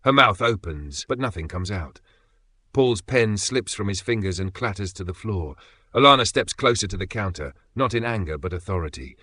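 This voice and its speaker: A man narrating a dramatic story in a steady, measured way with pauses for effect. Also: on the low side, no room sound.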